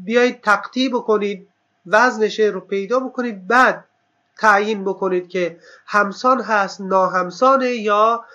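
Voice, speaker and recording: A man with a high, bright voice reviews exam material like a teacher, drawing out key terms and asking and answering his own questions. The recording sounds dull and lo-fi.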